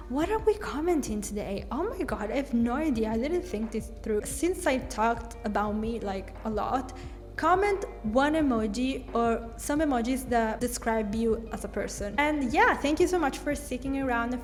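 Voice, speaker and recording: In a relaxed Q&A vlog, a young woman from Italy who works as a brand designer and content creator speaks candidly about her design business in accented, second-language English. She's chatty and says "like" often, her fairly high voice trailing off into long reverb.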